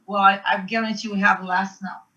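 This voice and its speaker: A woman's voice: mid-range voice, level tone, a little fast, pushed and bright, highs cut off. A woman in her fifties from Brazil, speaking with a Brazilian Portuguese accent, arguing passionately in a round-table debate. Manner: passionate, emphatic. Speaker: panel guest.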